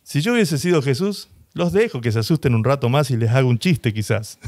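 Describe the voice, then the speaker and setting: A male pastor preaching a sermon, retelling scripture dramatically and slowing down for emphasis. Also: mid-range voice. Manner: expressive preaching, slows and rises for emphasis; dramatizes scripture, voicing the people in the story.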